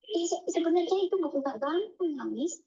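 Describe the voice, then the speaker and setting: A woman calling in as a migrant domestic worker, telling her story haltingly and pleadingly with many restarts, over a muffled phone line. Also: extremely high pitch, lively intonation, warm tone. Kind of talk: phone call recounting a scam.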